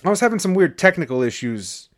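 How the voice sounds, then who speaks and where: A man's voice: high voice, sing-song, fast talker. Casual, swearing male podcast host. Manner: loose and conversational, with frequent fillers and swearing.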